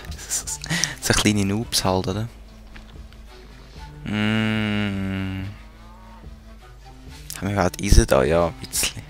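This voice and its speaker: This let's play gamer speaks with a Swiss German accent in a lowish, fairly bright voice. While playing a strategy game, he gives relaxed commentary, mumbling to himself and chatting with the on-screen units.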